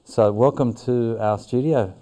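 A man's voice: medium pitch, a little slow, warm tone. A man hosting a podcast in a studio, interviewing a guest in a casual conversational way. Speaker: podcast host.

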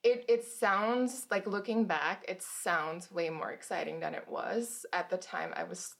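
A woman's voice: lowish voice, fairly even intonation, unhurried, gravelly, fairly bright tone. A woman in her thirties from Germany, a guest author casually telling stories about her life and laughing between anecdotes. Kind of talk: casual storytelling.

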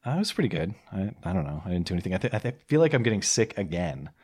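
Lively, joking male call-in show host. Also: sits low, very fast, husky. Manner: joking, rambling, self-mocking. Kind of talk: casual call-in show chat.

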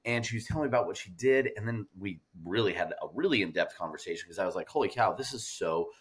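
A podcast host with a husky, fairly low voice talks fast, bringing jokey enthusiasm to an energetic intro and interview. He's recorded over a remote call.

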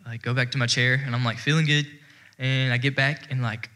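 A man's voice: medium pitch, steady tone, fairly quick, sharp tone, smooth. Heartfelt young man testifying. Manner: rambling and heartfelt, heavy with fillers, breaks into laughter. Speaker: church speaker giving testimony. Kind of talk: personal testimony to a congregation.

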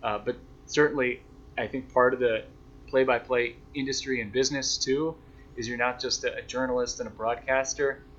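A young adult sports broadcaster answers interview questions in a reflective, self-deprecating, conversational way. His mid-range voice is steady and fairly bright at normal speed, captured with dull lo-fi sound and a noisy background.

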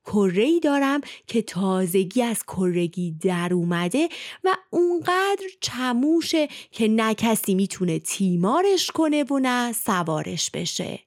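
A woman's voice: fairly high pitch, big pitch swings, no echo. Young princess in a fairy tale, voiced by a woman reader; lilting delivery, dry close sound. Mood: explaining. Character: young princess, worried about an unruly colt.

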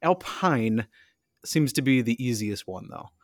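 American man, mid pitch, laid-back, casual podcast chat, dry sound. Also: lively intonation, a little slow, no echo. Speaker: podcast co-host.

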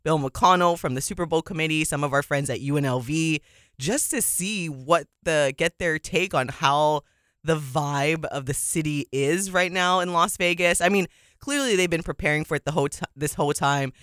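A chatty woman co-hosts a sports talk show, laughing easily and letting her voice leap up high when a point excites her. She speaks close to the mic in a dry studio. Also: normal speed, dry recording. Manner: chatty, laughs often, animated swings in pitch.

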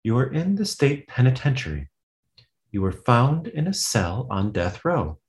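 A man playing a measured, formal prison official in a script read. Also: medium pitch, sing-song. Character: measured, official prison authority explaining a predicament.

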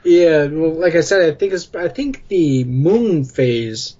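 Tentative higher-voiced podcast man. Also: expressive, slow, mellow, dull audio. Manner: tentative, hedging with "I think". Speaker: podcast co-host. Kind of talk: casual film discussion.

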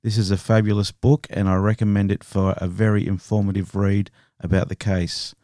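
A man hosting a podcast, narrating a true crime story in a steady, measured way. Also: fairly low pitch, no room sound, studio quality. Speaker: podcast host.

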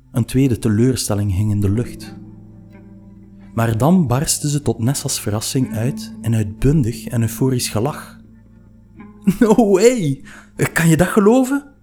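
A man calmly reading a story aloud as narrator, with faint music underneath. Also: lowish voice. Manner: calm, even storytelling.

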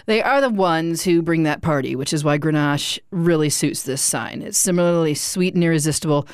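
A woman's voice: deep voice, normal speed, clear, resonant tone, no room sound, clean studio sound. A woman co-hosting a casual wine podcast, chatty and informative, with frequent restarts. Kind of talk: casual chat.

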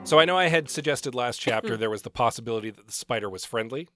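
A man's voice: mid-range voice, lively intonation, quick pace, loud music behind the voice. A man co-hosts a casual book podcast in a middle-register voice. He sounds scratchy and a bit wheezy, as someone does when getting over a cold. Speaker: podcast co-host. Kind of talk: casual book recap chat.

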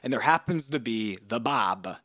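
A man in his thirties hosting a podcast, telling a story in a casual, animated way and jumping into loud, high voices for the people he quotes. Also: moderate pace, dry recording, clean studio sound. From United States. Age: 30s. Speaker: podcast host.

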